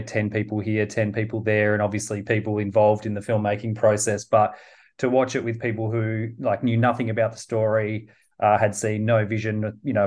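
A man with an Australian accent, a filmmaker guest, talking haltingly with many restarts. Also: on the low side, darkish tone. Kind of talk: casual interview.

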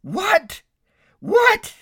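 Frantic man dangling off a cliff, done by a preacher, loud high pleading, slow. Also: huge pitch swings, breathy edge, no room sound, clean studio sound, exaggerated voice. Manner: yelling, panicked pleading.

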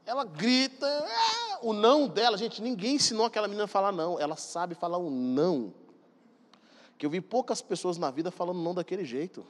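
Man, pastor preaching, fairly high voice, emphatic, long hall echo. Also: fast talker. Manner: emphatic, addresses congregation directly. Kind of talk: sermon.

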